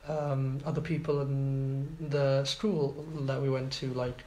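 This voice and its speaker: A man from Iraq in his twenties, a guest in a casual interview, speaks slowly in a mid-range, level, somewhat mellow voice. He hesitates frequently, with lots of fillers and restarts. Roomy echo and faint background noise mark the recording.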